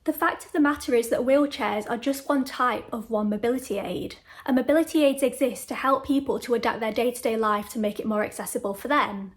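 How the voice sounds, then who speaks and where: Young woman vlogger, sniffly with a cold, slightly slurred, higher voice, off-the-cuff chat on a camera mic. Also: a little fast, few pauses. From United Kingdom. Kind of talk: casual talking-to-camera vlog. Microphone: camera mic, no separate microphone.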